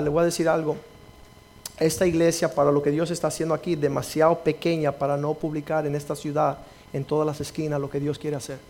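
High-voiced preaching pastor, man. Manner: preaching with dramatized quotes, rising to loud emphasis. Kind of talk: sermon.

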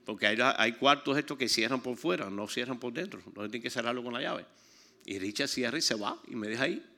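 A man's voice: medium pitch, a little fast, gravelly. An older man from Cuba with a Cuban accent, preaching a testimony and telling stories animatedly, acting out the people in them. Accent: Cuban Spanish. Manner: animated storytelling, acts out quoted people. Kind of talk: sermon testimony.

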